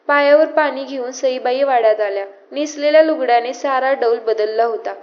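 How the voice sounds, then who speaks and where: High-voiced woman reading an audiobook. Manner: steady, measured storytelling. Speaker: audiobook narrator. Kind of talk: scripted narration. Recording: slightly muffled lo-fi audiobook audio.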